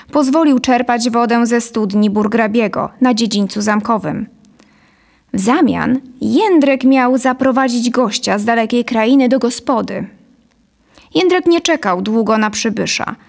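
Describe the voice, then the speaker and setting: Her voice is gravelly and fairly high-pitched. A woman in her thirties, she reads a scripted story as narrator, positioned close to a studio condenser on a boom inside a small, dark studio.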